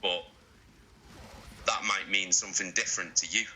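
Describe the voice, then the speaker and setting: Low-voiced bright man, sweary. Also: moderate pace, a little hiss or hum, poor audio. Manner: sweary, excitable, laughs often. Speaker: band member being interviewed. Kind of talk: casual interview chat.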